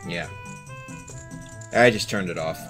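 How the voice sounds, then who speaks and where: A man hosting a video game let's play, chatting casually and thinking out loud as he plays. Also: low voice, slow pace. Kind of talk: casual gameplay commentary. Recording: game music playing behind.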